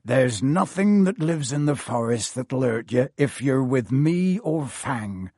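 A man voicing a big gruff gamekeeper who talks bluntly with country words. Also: mid-range voice, animated, slow, darkish tone, dry recording, clean studio sound. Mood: instructing.

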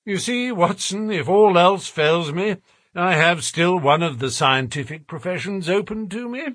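A man voicing a genial, confident gentleman detective in an audiobook story. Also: a little high, animated, measured pace, slightly rough, no echo, studio quality, voice pushed up, full character voice. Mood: amused. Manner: genial, assured.

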